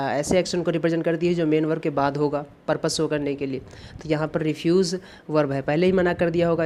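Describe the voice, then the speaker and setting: A man's voice: a little high, darkish tone. A man teaching English grammar for competitive exams, explaining in Hindi mixed with English and repeating key points. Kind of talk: exam-prep grammar lesson. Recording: faint background noise.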